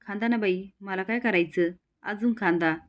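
A woman's voice: medium pitch, normal speed, natural voice. A nosy meddling village woman, as a woman reads her. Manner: nosy, egging others on.

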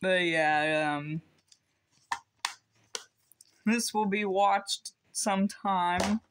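Slow, hesitant teen boy unboxing. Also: sits high, fairly bright tone, a little hiss or hum. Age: teens. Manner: rambling, hesitant, many ums. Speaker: vlogger. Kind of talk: casual unboxing chat.

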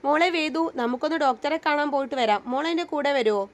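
Woman voicing a soft motherly mother-in-law, high voice. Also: fast, close to an everyday voice. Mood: gentle. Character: kind middle-aged mother-in-law, gentle.

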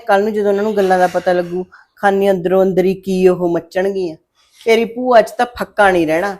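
A woman's voice: mid-range voice, close to an everyday voice. A woman playing a worried, scheming village mother who scolds and coaxes her daughter in a family drama. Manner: fretful, scolding, loud when calling out. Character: scheming middle-aged village mother, worried and sharp-tongued.

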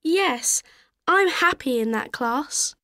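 Woman as a very slow schoolboy. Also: high voice, lively intonation, pushed and bright, dry recording, clean studio sound, exaggerated voice. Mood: polite. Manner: very slow, careful answers. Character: polite ten-year-old schoolboy. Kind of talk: stilted textbook dialogue.

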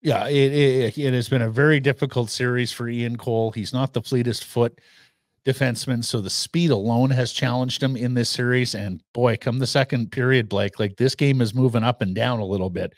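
A man in his fifties co-hosting a post-game hockey podcast, speaking in a measured, analytical way and running through stats, recorded on a studio mic in a small room. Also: medium pitch, steady tone, dry recording. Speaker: podcast co-host. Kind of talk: casual sports analysis. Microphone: studio mic on boom arm with headphones.

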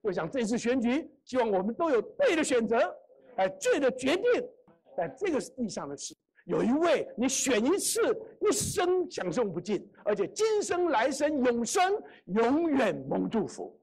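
A woman preacher tells a story from the pulpit, and her pitch swings up and down as she acts out each character. Her voice is slightly husky. She sounds middle-aged. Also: moderate pace. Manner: lively storyteller acting out dialogue. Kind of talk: gospel sermon with storytelling. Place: church meeting hall.

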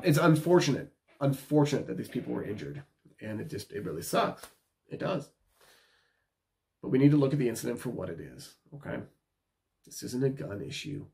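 In a small indoor room, an American man in his thirties talks to camera as a video commentator, casual and opinionated, emphatically restating his points. He has a gravelly, mid-range voice.

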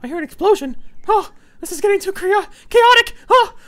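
A man voicing a small, excitable cartoon mouse in a squeaky falsetto, commentating on a video game in character. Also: moderate pace, exaggerated voice. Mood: panicked. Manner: excitable, exclaiming, panics easily.

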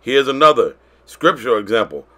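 A man preaches to his congregation in a bright, forceful tone. He pushes some lines out loud and lets others fall quiet and drawn out. His pitch sits in the middle range for a man. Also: very animated. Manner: preaching, swinging between loud declarations and quiet drawn-out phrases. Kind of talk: sermon.

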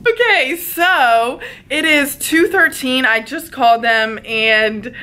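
A woman's voice: high-pitched, slow pace, pushed and bright. A young woman vlogging into a handheld camera from inside a car, chatty and full of "like". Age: young adult. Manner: chatty, says "like" a lot. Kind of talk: casual vlog chat. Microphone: handheld camera at arm's length.

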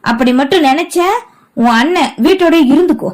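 Woman playing a furious shouting father. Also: high voice, expressive, brisk, voice pushed up. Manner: angry, shouting. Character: furious middle-aged father, bitter and shouting.

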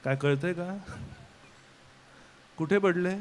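High-voiced man preaching slowly. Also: a little hiss or hum. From Mumbai, India. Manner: rhetorical, keeps asking "kay", swings between soft and loud. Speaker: kirtan preacher. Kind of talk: devotional kirtan sermon.

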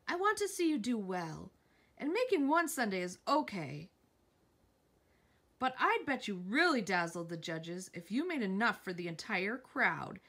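A woman reading TV captions aloud at speed, jumping between reading and her own quick asides. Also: a little high, a bit bright, breathy edge.

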